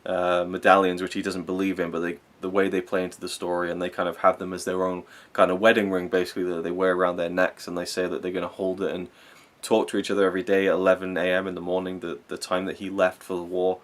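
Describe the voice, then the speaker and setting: A man's voice: sits low, completely flat delivery, fast, hardly any pauses. A young man giving a casual, rambling, earnest film review, swearing now and then and getting openly emotional.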